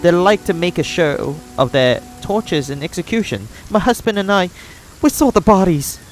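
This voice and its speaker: A man's voice: high-pitched, expressive, moderate pace, soft background music, voice pushed up. Brief: defiant frontier wife, voiced by a man in a raised voice, insistent and proud, for a fantasy game.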